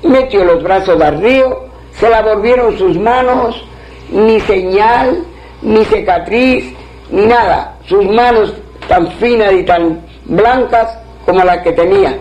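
High-voiced man telling a folktale. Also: slow pace, a little mellow, a little hiss or hum. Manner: repetitive, rhythmic retelling. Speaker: storyteller. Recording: dull lo-fi recording.

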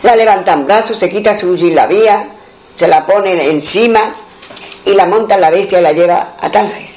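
A man's voice: high voice, moderate pace, a little mellow, poor audio. A man telling a traditional folk tale in a rambling way, full of asides and restarts. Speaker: storyteller.

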